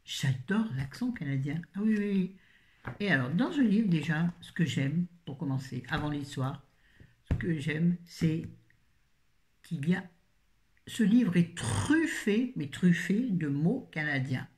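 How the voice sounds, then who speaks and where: A woman's voice: deep voice, lively intonation, a little slow, darkish tone, slight background noise. A middle-aged woman from France chatting casually about books she has read, rambling, correcting herself and dropping jokey asides. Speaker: book reviewer. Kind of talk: casual book review chat.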